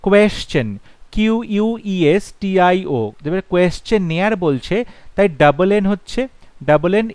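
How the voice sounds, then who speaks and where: A man with a Bengali accent teaches English spelling for exam prep, reading each word out and spelling it slowly letter by letter. His voice sits high and sounds smooth and clear. The recording is dry and close, with no room sound. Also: a little mellow, no room sound. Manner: reads question numbers slowly and deliberately in English.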